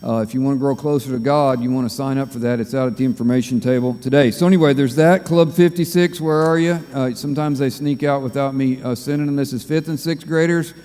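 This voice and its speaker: Folksy pastor in a reverberant church. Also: male voice, mid-range voice, steady tone, fast talker, hardly any pauses, mellow. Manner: folksy, rambling storyteller. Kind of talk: sermon with jokes. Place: church sanctuary.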